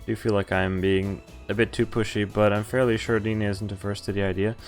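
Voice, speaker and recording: Streaming a visual novel, this man reads its narration and lines in a relaxed, lightly performed way and reacts offhandedly. His voice sits fairly low, and his delivery is flat and brisk over background game music.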